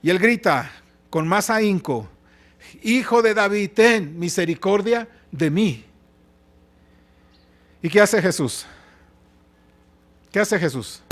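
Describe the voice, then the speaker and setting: A man with a Mexican Spanish accent preaching a sermon as pastor, moving between loud exhortation and soft asides. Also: high voice. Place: church.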